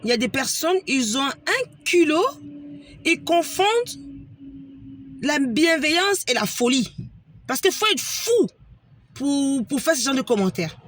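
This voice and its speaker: High, bright-voiced woman ranting indignantly. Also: very animated, a little slow, pauses often. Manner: indignant, stumbling over repeated words. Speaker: vlogger. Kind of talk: storytelling rant.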